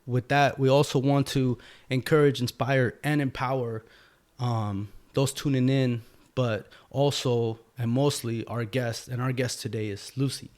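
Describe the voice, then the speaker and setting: A man's voice: medium pitch, steady tone, a little slow, darkish tone. A man hosting a podcast interview in a guest's home, talking in a laid-back way with lots of fillers. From Mexican heritage. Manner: laid-back, filler-heavy, says "you know" a lot. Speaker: podcast host. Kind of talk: casual interview chat.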